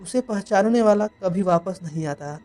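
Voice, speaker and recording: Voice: mid-range voice, moderate pace, a little mellow, faint music behind, close to an everyday voice. A narrator voicing a roadside dhaba owner, a man giving a grave, earnest warning. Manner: earnest, cautionary.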